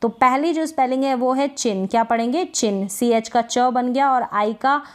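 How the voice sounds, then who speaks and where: Hindi-accented woman teaching slow phonics. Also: on the high side. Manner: drawn-out word repetition, quizzing questions. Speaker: English teacher.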